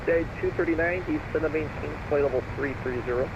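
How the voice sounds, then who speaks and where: A man's voice: fairly high pitch, fairly quick, highs cut off. A man voicing an air traffic controller, heard as a radio transmission over a pilot's cockpit headset, in clipped, formal radio phrasing. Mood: routine.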